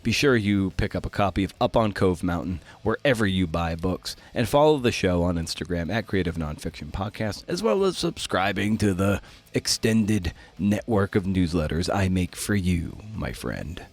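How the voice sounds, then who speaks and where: Speaking in a deep, animated voice at a moderate pace, this podcast host in his forties delivers a reflective solo monologue. He muses aloud casually and conversationally, often questioning himself.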